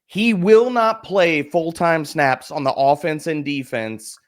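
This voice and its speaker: A man with a somewhat high voice talks fantasy football on a podcast. He is emphatic and profane, and he piles up rhetorical questions as he rants in relaxed, casual chat. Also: takes it slowly.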